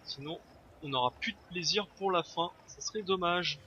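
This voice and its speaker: Bright-voiced man narrating his gameplay. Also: high-pitched, normal speed. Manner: chatty, thinking aloud with frequent hesitations. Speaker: let's play host. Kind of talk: casual gameplay commentary. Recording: slightly dull lo-fi sound, faint noise.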